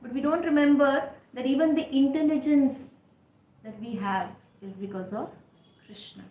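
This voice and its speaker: A woman's voice: high voice, normal speed, darkish tone. Woman giving a conversational spiritual talk. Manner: conversational, asks the audience rhetorical questions. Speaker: devotional speaker. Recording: roomy hall recording.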